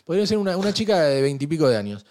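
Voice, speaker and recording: A middle-aged man with a Rioplatense Spanish accent, co-hosting a podcast and telling anecdotes in animated, joking banter. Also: rapid-fire. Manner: animated storytelling, jumps pitch for quoted voices. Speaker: podcast co-host. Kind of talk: casual banter.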